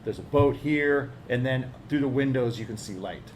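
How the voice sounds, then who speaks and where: A man's voice: medium pitch, normal speed. A man narrating as game master, describing scenes casually with fillers. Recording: echoey room with background noise.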